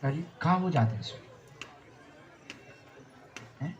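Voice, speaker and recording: A man's voice: on the high side, very animated, measured pace, muffled recording, a crowd in the background. A man acting as a spiritual guru, addressing devotees with short commands and rhythmic pronouncements. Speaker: spiritual guru holding court. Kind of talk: addressing devotees at a religious gathering.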